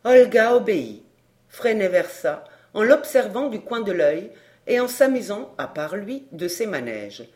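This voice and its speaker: A woman reading a classic crime novel aloud in a measured, even storytelling voice. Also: medium pitch. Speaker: audiobook narrator. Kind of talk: scripted narration.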